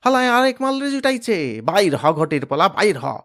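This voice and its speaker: A man voicing a gang of rough male thugs who taunt and shout in a high, coarse voice. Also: very animated, moderate pace, full character voice.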